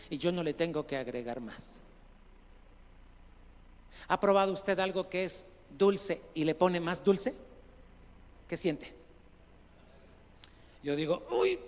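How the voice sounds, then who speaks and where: A male pastor preaching a sermon, swinging from quiet asides to loud, rising outbursts and questioning his congregation directly. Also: on the high side. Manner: addresses listeners as brother, asks questions of the congregation. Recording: long hall reverb.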